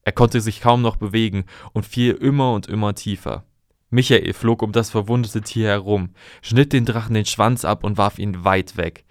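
A man calmly reading a fairy tale aloud in an even storytelling manner. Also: on the low side, moderate pace, no room sound, clean studio sound.

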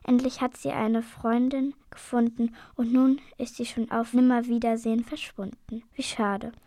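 A woman reading a children's fairy-tale story aloud in a gentle narrating manner. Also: fairly high pitch, little pitch movement, normal speed, no echo, studio quality.

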